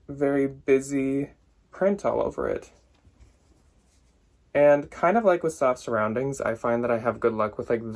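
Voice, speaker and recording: A young man chatting casually through a thrift haul for resale, filled with "like" and small asides, now and then a bit out of breath. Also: mid-range voice. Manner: chatty, lots of "like", loses track and laughs at himself. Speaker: thrift reseller vlogger. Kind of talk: casual haul talk to camera.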